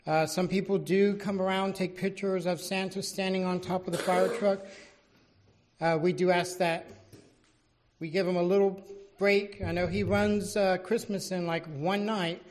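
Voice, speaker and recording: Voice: medium pitch, level tone, a little slow. A fire chief giving an informal, matter-of-fact presentation at a public council meeting.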